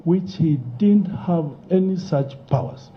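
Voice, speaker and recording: High-voiced, emotional man testifying. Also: slow. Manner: emotional, insistent, talks over others. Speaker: witness before a parliamentary committee. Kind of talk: heated testimony at a hearing. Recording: muffled lo-fi broadcast audio.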